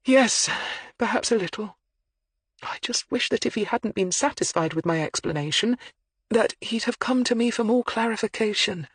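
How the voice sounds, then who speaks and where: A man's voice: sits high, expressive, moderate pace, fairly bright tone, slightly rough, no echo, voice pushed up, heavily acted. A narrator voicing an older male academic who speaks in a wavering, hesitant, apologetic way. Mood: pained, defensive.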